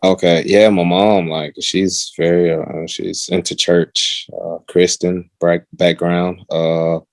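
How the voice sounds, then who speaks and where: A young man, a pro football player, casually telling a story on a podcast and jumping to a higher voice when quoting people. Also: little pitch movement, takes it slowly, vocal fry, dry recording. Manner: acts out quotes in a raised, higher voice.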